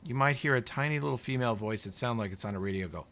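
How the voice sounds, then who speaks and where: A man's voice: medium pitch, rapid-fire, a bit bright. A man acting as game master, narrating a tabletop game in a casual way. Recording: noisy background.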